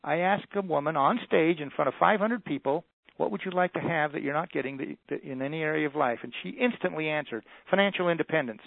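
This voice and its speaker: A man speaking as a motivational speaker, telling a story and acting out the dialogue while he pitches a coaching package. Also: fast talker, gravelly. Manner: storytelling, voices quoted dialogue. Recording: tinny phone-like audio, dry.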